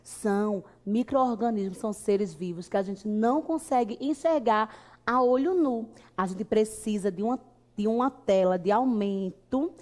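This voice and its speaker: A woman's voice: mid-range voice, unhurried, darkish tone. A woman with a Brazilian Portuguese accent teaching young children like a kids show host, cheerful and sing-song, posing questions and answering them.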